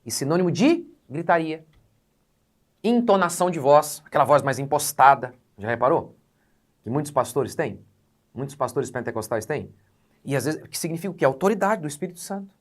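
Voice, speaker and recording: A Brazilian pastor in his forties teaching a sermon with a direct, emphatic delivery. He peppers his points with rhetorical questions to the listener and swells louder on the words he wants to land. His speech stays conversational between those surges. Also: on the high side, lively intonation, brisk. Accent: Brazilian Portuguese. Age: 40s.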